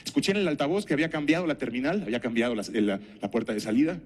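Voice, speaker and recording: A man's voice: mid-range voice, expressive, racing. Man, conference speaker, storytelling, rhetorical questions to the audience. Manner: narrates anecdotes, asks the audience rhetorical questions.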